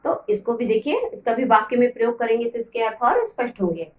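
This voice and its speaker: A woman teacher explaining a lesson to children slowly, repeating each key word. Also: fairly high pitch, lively intonation, a little mellow. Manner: slow, repeats key words for pupils. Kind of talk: classroom lesson. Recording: echoey room, voice from far off.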